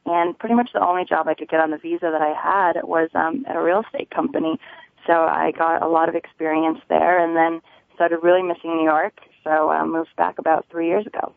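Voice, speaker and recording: A woman's voice: low voice, flat delivery, gravelly, dry recording. Hesitant woman on a tinny phone line. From Connecticut. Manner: hesitant, halting delivery. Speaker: real estate agent, interview guest. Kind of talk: conversational radio interview.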